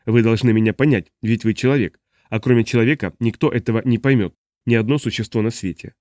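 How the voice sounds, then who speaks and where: A man's voice: mid-range voice, quick pace, a little mellow, dry recording, clean studio sound, natural voice. A man voicing a stubborn, guarded traveler who refuses to give answers. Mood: defiant.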